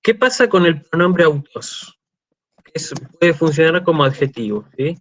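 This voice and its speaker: A man giving an online university lecture, slow and deliberate, checking in often with his students. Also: on the high side, animated. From Argentina. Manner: slow, checks in with frequent "¿sí?" and "este" fillers. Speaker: university lecturer in Greek language and culture.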